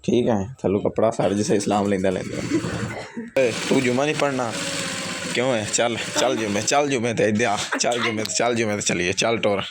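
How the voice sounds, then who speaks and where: A man's voice: on the low side, normal speed. A man with a Punjabi accent vlogging casually about his village day, chatty and joking, often urging viewers to subscribe. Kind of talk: casual vlog talk to camera. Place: outdoors in a village, walking. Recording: noisy outdoor phone recording.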